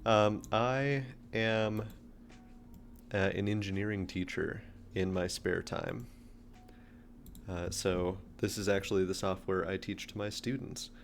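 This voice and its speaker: A man's voice: deep voice, fairly even intonation, takes it slowly, vocal fry. A man streaming live, chatting casually and thinking aloud with ums while he works through a design. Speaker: streamer and engineering teacher. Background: background music.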